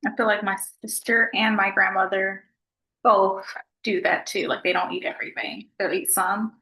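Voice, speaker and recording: A woman talks softly and casually as she sets out her meal for a vlog. Her voice sits at an ordinary middle pitch, and she keeps her volume low throughout. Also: steady tone, moderate pace, poor audio. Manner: soft-spoken, low volume. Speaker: vlogger. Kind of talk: casual food vlog chat.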